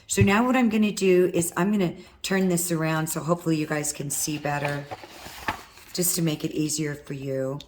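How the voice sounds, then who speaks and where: A middle-aged woman demonstrates a wire craft step by step, talking casually while her hands stay busy. Her voice is low, worn, and hoarse, husky because of vocal cord nodules.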